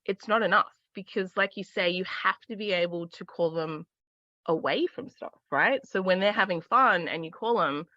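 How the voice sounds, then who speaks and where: A woman's voice: lowish voice, normal speed, bright, forceful tone, dry recording, muffled recording. A woman dog trainer explaining things in a casual chat, confident and often checking in with "right?".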